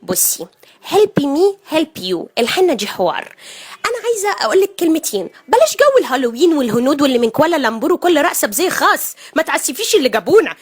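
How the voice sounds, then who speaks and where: A woman's voice: high voice, very animated, rapid-fire. A woman with an Egyptian accent giving a sarcastic, mock-lecturing comedic monologue to the camera, firing rhetorical questions at the viewer. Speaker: comedic vlogger.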